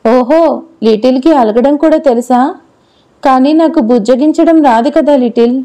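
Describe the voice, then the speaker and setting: A woman's voice: high voice, normal speed, warm tone, natural voice. A woman reading the lines of a playful grown man who teases and coaxes a little girl in a storybook. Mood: teasing. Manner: teasing, coaxing.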